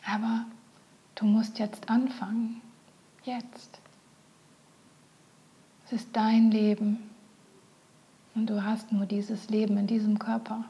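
A woman leading a guided meditation, speaking softly and often in a whisper. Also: on the high side, little pitch movement. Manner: slow, soft, often whispered.

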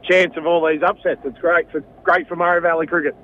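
An Australian man chatting casually as a radio interview guest, laid-back and matey with a halting delivery. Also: fairly high pitch, flat delivery. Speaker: cricket association president, interview guest. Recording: dull lo-fi line, faint noise.

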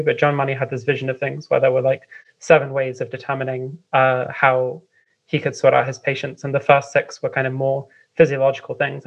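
On a muffled recording, a medium-pitched voice belongs to a writer and editor from London who is a guest in a relaxed remote interview. The explanations wander, peppered with "um," "like," and small laughs.

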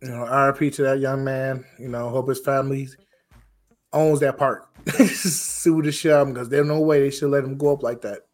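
A man hosting a casual podcast in a raspy, rough voice, hoarse from getting over a cold, talking informally with plenty of you-knows. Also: mid-range voice, flat delivery, moderate pace. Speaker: podcast host.

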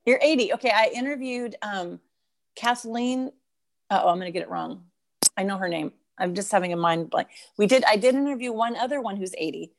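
Speaking a little fast in a gravelly, mid-range voice, this woman hosts a podcast and interviews a guest remotely in a casual way. She used to be a dancer, and she comes across as bubbly and eager, wandering a bit and saying sorry while posing questions.

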